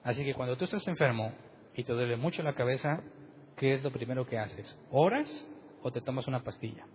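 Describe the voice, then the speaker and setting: A man preaches in a relaxed, conversational way, often turning to his listeners with questions. His voice sits at an ordinary pitch for a man. It carries a long echo from a church hall, with a slightly muffled tone and a faint hiss underneath. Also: fast. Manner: asks the congregation rhetorical questions. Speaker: pastor. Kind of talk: conversational sermon. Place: church meeting room.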